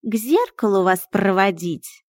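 Lady doing a bossy old talking cat, super slow drawl, kinda smug, dry close sound. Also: medium pitch, lively intonation, a little mellow, no room sound, lightly acted. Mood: stern drawl. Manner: slow, drawling, stern and mocking. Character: wise sardonic old male talking cat.

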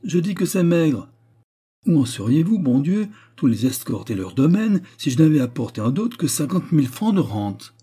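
A blunt, money-minded sister-in-law snaps back with curt, sardonic remarks, as a male narrator voices her. The voice is mellow and husky. It sounds like a storybook read aloud. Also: fairly high pitch, very animated, moderate pace, voice pushed up. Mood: scornful. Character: older woman, blunt, stingy, sharp-tongued sister-in-law.

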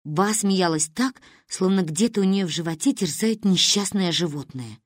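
An audiobook narrator, a woman, tells a funny story in a lively, expressive way, her pitch swinging widely across each sentence. She keeps a moderate pace, and the recording sounds close and dry, without any room echo.

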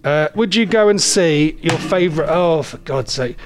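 A man's voice: on the high side, lively intonation, normal speed, a little hiss or hum. A man hosting a radio show, chatting in a rambling, self-deprecating way from a studio microphone. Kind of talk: casual radio chat.

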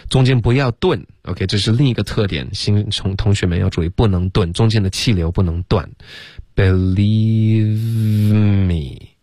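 A man's voice: lowish voice, breathy edge, dry recording, clean studio sound. A male teacher on a radio English lesson who drills sounds by repeating them and mixes English into his Chinese.

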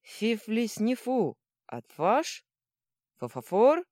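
A woman's voice: on the high side, very animated, extremely slow, a little mellow, no echo, clean studio sound, pitched above the performer's own voice, exaggerated voice. A woman voicing a hulking male troll who talks with a mushy lisp. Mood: muffled. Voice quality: lisping, mushy speech. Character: lisping hulking male troll, slow and mournful.

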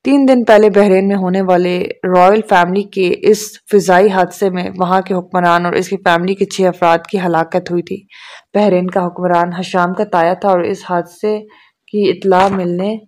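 A woman narrating a novel as an audiobook in a steady, even reading manner. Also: lowish voice.

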